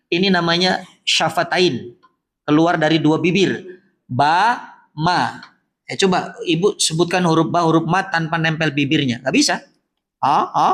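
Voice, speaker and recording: A male preacher giving a religious lecture to a women's congregation. He keeps putting questions to his listeners and answering them himself, and he chants scripture slowly. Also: high voice, fairly bright tone. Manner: chants Quranic verses slowly. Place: mosque gathering.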